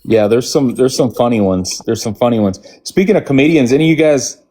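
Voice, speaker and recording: A man's voice: mid-range voice, animated, a little fast, warm tone. A man from Texas with a mild Texan accent, hosting a casual group chat and telling rambling stories. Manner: rambling, storytelling with restarts.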